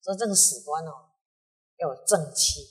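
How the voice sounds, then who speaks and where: A woman with a Taiwanese Mandarin accent giving a storytelling lesson on ancient history, chatty and full of drawn-out particles. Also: sits low, slightly rough.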